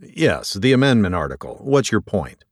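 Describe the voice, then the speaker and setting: A man's voice: on the low side, very animated, moderate pace, slightly rough, no room sound, clean studio sound. A man voicing a fifty-ish male senior curator who speaks in a clipped, haughty way. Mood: haughty impatient.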